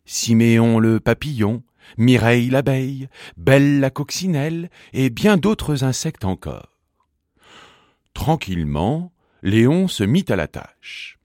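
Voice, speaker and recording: Male narrator for a children's story: unhurried, singsong and lively in pitch, dry sound. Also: no room sound.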